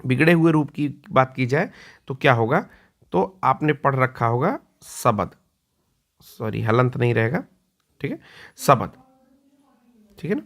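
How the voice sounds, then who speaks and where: A male teacher giving an exam-prep lecture. He explains patiently, repeats key words slowly and often clears his throat. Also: mid-range voice, big pitch swings, a bit bright.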